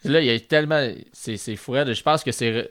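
A man's voice: medium pitch, fast talker, a bit bright. A man with a Quebec French accent hosting a casual chat, easygoing and colloquial.

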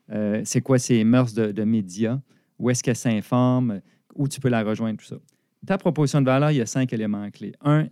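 A man with a Quebec French accent, a business teacher and guest, explaining ideas in an animated, conversational way and laughing often. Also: medium pitch, clean tone, no echo, clean studio sound.

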